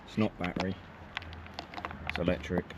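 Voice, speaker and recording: In a car, sheds and yard, a young man talks plainly and casually through his bike work, vlogger-style, at normal speed. His voice is low and level, and the audio sounds dull with a lot of background noise.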